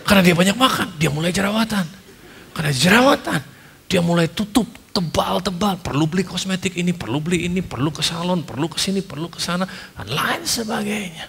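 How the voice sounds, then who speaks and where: A man preaches with lively storytelling and playful asides, switching into English phrases now and then. His voice sits high and rings bright. The sound carries a long reverb, as if it were filling a large hall. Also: a little fast, gravelly, breathy edge. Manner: animated storytelling with acted-out quotes and humorous asides. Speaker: pastor. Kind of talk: sermon.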